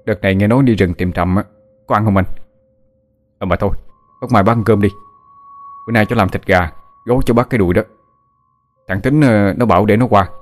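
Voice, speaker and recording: A man voicing a gentle, caring grown son in a ghost story. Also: lowish voice, lightly acted.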